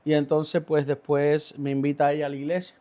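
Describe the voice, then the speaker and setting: Giving his testimony on a podcast, a Cuban man halts often, restarting and using many fillers as he recounts his faith story. He speaks in a slightly high, warm, monotone voice.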